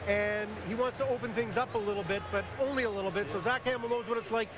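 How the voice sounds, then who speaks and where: A man's voice: high-pitched, steady tone, quick pace. A man giving hockey analysis on a live draft broadcast, emphatic and detailed with dry humor, heard from a worn VHS tape copy. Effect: hissy worn VHS tape copy. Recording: hissy old videotape broadcast with crowd.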